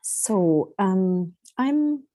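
A woman's voice: mid-range voice, animated, extremely slow, mellow, no room sound, poor audio. A young woman lecturer, raised between Egypt and Germany, answering interview questions thoughtfully and with frequent hesitations. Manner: thoughtful, hesitant, with many fillers. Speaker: university lecturer, guest. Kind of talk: conversational interview.

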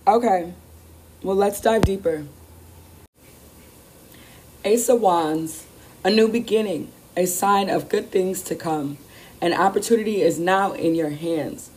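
A woman hosting a spiritual card reading, with a voice worn rough from a weekend of celebrating, speaking in an emphatic, affirming way and repeating her phrases. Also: lowish voice, takes it slowly, pauses often, darkish tone, rough recording. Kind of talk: upbeat spiritual talk, weekly card reading.

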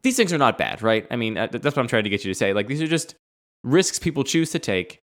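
A man's voice: mid-range voice, big pitch swings, fast, fairly bright tone. A man co-hosting a casual conversation, working through his argument and laughing often. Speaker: podcast co-host.

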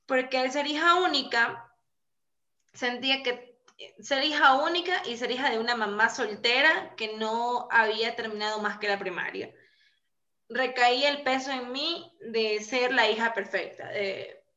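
A woman in her twenties telling her story in a casual podcast chat over a video call, animated and full of fillers. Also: fairly high pitch, measured pace. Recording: echoey lo-fi call audio.

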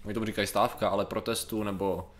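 A man co-hosting a casual chat show, sarcastic and joking, given to animated rants. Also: lowish voice. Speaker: podcast co-host.

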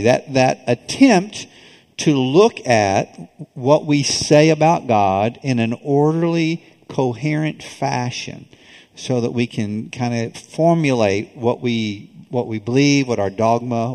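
An older man teaches a church group informally, with a halting, folksy, conversational delivery. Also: mid-range voice, expressive, a little mellow. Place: auditorium, addressing an audience. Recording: reverberant auditorium, live recording.

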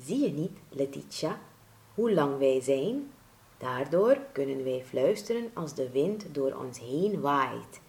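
A woman voicing a wise male grass blade who leads the others, speaking in a low whisper in a storybook reading. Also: sing-song, slow, darkish tone, full character voice. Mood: explaining. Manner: whispering, lowered voice. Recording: roomy echo.

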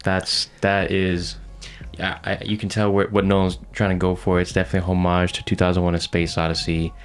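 A man's voice: low voice, monotone, brisk, smooth, soft background music. A man in a casual film chat, talking with enthusiasm and rambling through restarts.

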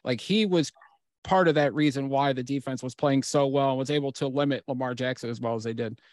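A man's voice: medium pitch, steady tone, a little fast, a little mellow, no room sound. Man breaking down football, dry sound. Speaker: podcast co-host. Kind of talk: casual sports chat.

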